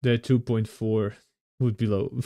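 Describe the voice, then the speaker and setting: A man's voice: lowish voice, flat delivery, measured pace, creaky, mellow, no echo. Chatty Dutch man, dry close mic. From Netherlands. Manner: chatty, laughs often, many restarts and fillers. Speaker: streamer. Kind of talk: casual chat with viewers.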